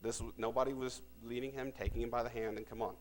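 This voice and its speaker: A man's voice: medium pitch, little pitch movement, fast talker, soft background music, poor audio. A man preaching a conversational sermon in a church, reading scripture and then explaining it while correcting himself as he goes. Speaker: pastor.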